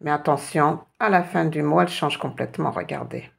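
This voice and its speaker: A woman teaching letters in a slow, patient reading lesson, repeating each sound and asking the viewer questions. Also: low-pitched, creaky, husky. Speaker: Arabic teacher.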